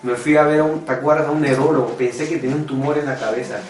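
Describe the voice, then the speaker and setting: A man's voice: medium pitch, fairly even intonation, very fast, echoey room, distant mic, noisy background. A man preaching a personal testimony sermon, earnest and confessional, often calling his listeners brothers. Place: church meeting room.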